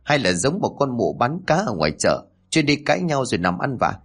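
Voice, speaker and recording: A man's voice: mid-range voice, big pitch swings, a little fast, a bit bright, slightly rough, pitched above the performer's own voice, exaggerated voice. A man voicing a stern elderly landowner who scolds his wife with authority. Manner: stern, commanding, reproachful.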